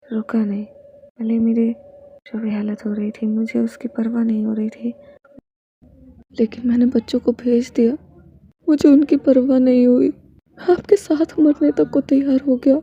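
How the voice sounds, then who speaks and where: A woman's voice: a little high, vocal fry. A woman narrating a romance fanfiction, voicing every part herself and often dropping to a whisper. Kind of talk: storytelling, reading all parts aloud. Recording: dull lo-fi sound with faint noise.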